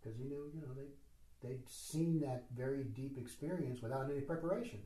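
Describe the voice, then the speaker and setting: Leading a spiritual retreat, this man talks casually and wanders off track, full of fillers and jokes at his own expense. His mid-range voice is warm and brisk, captured with a roomy echo.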